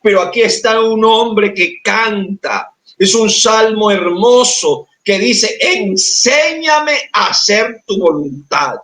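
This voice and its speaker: A man with a Colombian accent, preaching a sermon as pastor and telling an emotional testimony, at times soft and at times shouted. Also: high voice, animated, takes it slowly. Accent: Colombian Spanish. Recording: roomy, distant mic in church.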